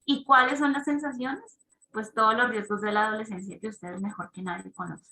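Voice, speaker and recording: A woman's voice: fairly high pitch, fairly even intonation, a little fast, pushed and bright, echoey room, poor audio. A woman giving a conversational talk to parents, explaining ideas step by step and checking in with her listeners through questions.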